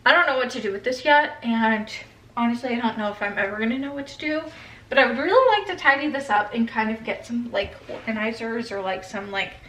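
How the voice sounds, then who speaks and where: Young female vlogger, casual and profane, higher voice, roomy off-mic sound. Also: fairly quick, sharp tone, far from the mic. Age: 20s. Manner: chatty, swears casually, trails off and restarts. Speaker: lifestyle vlogger. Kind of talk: casual vlog chat. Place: bedroom at home.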